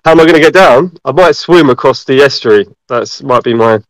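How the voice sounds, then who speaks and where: A man with an Essex accent chats casually as a guest, full of cheeky slang and jokes. His voice is of middling pitch and recorded very dry, with hardly any room around it. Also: a little fast, no room sound, rough recording. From Southend-on-Sea, Essex, England. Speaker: interview guest, event compère. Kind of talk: casual banter.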